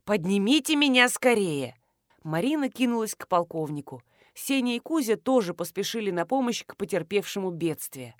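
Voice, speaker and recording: A woman's voice: mid-range voice, expressive, a little fast, darkish tone, no echo, studio quality. A woman narrating a first-person audiobook with wry, ironic storytelling.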